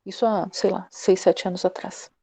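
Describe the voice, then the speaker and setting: A middle-aged woman with a Brazilian accent, sharing personal stories in a live therapy session in a direct, animated way. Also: medium pitch, moderate pace, gravelly, husky, no echo. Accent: Brazilian Portuguese. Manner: direct, animated, acts out quoted dialogue. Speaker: class participant.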